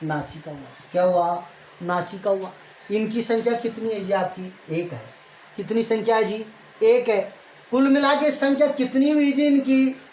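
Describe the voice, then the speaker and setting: A man's voice: sits high, measured pace, a little mellow, dull audio. A man teaching grammar at a board, asking questions and answering them himself, repeating each point many times. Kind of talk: classroom lecture at a board. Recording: echoey room with faint noise.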